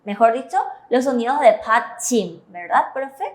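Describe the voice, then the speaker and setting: A woman's voice: a little high, expressive, measured pace, reverberant. A woman with a Paraguayan Spanish accent co-hosting a language lesson, prompting the teacher with questions and approving answers. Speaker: Spanish-speaking co-host of a Korean lesson. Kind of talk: classroom-style explanation on a TV lesson.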